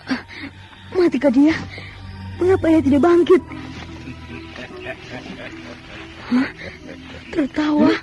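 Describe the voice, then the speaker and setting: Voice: sits high, unhurried, dark tone, dull audio. A performer playing a bold, taunting young fighter in an old radio drama, with theatrical delivery. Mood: astonished. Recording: music under radio drama.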